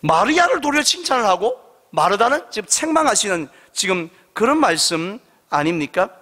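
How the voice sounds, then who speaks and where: Lively, high-voiced pastor preaching. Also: male voice, moderate pace. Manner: lively storytelling with rhetorical questions. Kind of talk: sermon. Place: church sanctuary. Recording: reverberant church hall.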